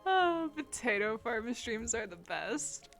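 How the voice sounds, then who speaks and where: A woman's voice: fairly high pitch, sing-song, slow, a bit bright, faint music behind. A woman streaming a game, chatting casually in a giggly, playful way and laughing often. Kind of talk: casual gaming stream chat.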